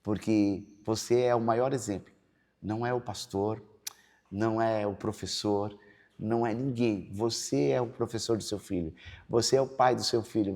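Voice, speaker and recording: Male pastor, Brazilian accent, earnest preaching testimony, gravelly voice. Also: mid-range voice, a little mellow. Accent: Brazilian Portuguese. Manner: earnest, preachy, acts out quoted dialogue. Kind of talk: personal testimony in a podcast interview.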